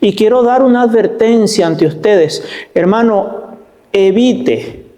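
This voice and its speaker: Man, guest pastor, high-pitched, storytelling preacher who drags out his emphasis. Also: warm tone. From Venezuela. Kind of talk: sermon.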